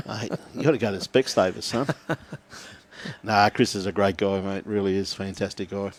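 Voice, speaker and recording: A man's voice: fairly low pitch, steady tone, moderate pace. A man with an Australian accent commentating a lawn bowls match, joking and laughing often as he reads out viewer messages. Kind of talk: live sports commentary, chatty.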